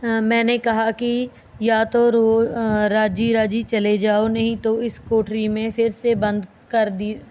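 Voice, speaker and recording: A woman teacher reading a story aloud slowly and carefully, with small restarts, then explaining it to her students. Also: on the high side, completely flat delivery, a little mellow. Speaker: school teacher. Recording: faint background noise.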